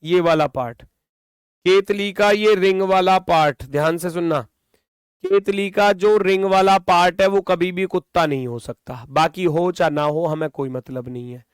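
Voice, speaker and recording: A man's voice: sits high, steady tone, normal speed, clear, resonant tone, no room sound, clean studio sound. A man teaching a reasoning class online, explaining with lots of repetition and scolding students now and then.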